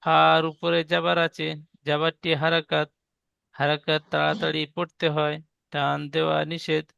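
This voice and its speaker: A man teaching a Quran reading class, spelling out letter sounds in a slow, patient, repetitive drill. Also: on the high side, completely flat delivery, creaky, sharp tone, clear, resonant tone, no room sound, highs cut off.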